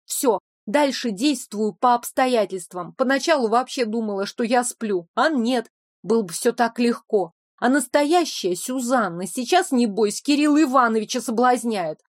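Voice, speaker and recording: A woman plays a feisty young woman thrown into another world in a fantasy audiobook. She argues quickly and defiantly in a fairly high voice. The recording is dry and close. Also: no room sound, close to an everyday voice.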